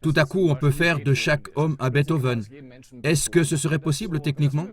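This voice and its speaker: A man's voice: a little high, steady tone, a little fast, natural voice. A man voicing an interviewer, asking formal questions.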